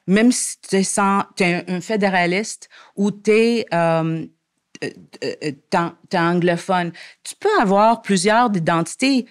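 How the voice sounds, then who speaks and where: Woman guest, French speaker, earnest and argumentative, restarts often mid-sentence. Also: mid-range voice. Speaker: guest columnist. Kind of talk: podcast interview conversation.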